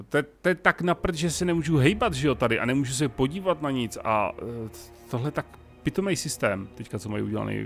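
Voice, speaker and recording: A man's voice: medium pitch, gravelly, a bit bright. A Czech man casually commenting on a strategy game, thinking aloud and talking to the characters on screen. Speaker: gaming let's-player.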